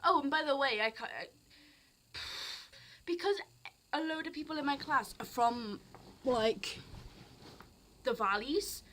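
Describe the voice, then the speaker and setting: Her voice sits high and comes out bright and forceful, delivered slowly with frequent pauses. She's a teenage girl vlogging in a Barry, South Wales accent with some English sounds, rambling in an off-the-cuff rant that leaps from thought to thought.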